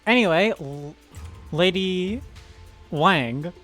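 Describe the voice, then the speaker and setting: A man's voice: high-pitched, animated, very slow, a bit bright, faint music behind. A playful man chatting and laughing as a streamer while they read a game together. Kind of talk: casual chat while reading a game together.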